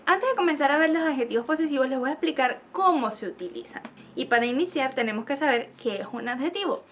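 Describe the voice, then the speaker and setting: A woman teaching a French grammar lesson on video, who slows down to spell out and repeat each example. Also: high-pitched, expressive, a little hiss or hum.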